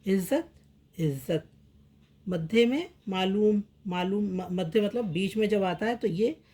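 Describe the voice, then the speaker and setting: A woman teaching Urdu script in a slow lesson, repeating each word several times as she writes it out. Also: medium pitch, dark tone. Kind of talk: slow step-by-step language lesson.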